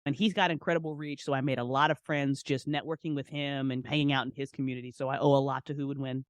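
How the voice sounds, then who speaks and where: A woman with a bass voice talks fast in a steady tone, with no echo. She's a fiction podcast writer and creator appearing as an interview guest, chatting in an animated, casual way that's effusive and emphatic, full of slangy, repetitive phrasing.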